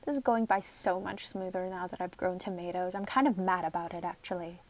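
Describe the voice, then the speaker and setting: A woman's voice: on the low side, steady tone, a little fast, a little hiss or hum. A woman streaming a building game, chatting playfully and slipping into mock-dramatic outbursts. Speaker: vtuber streamer. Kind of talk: casual gameplay commentary.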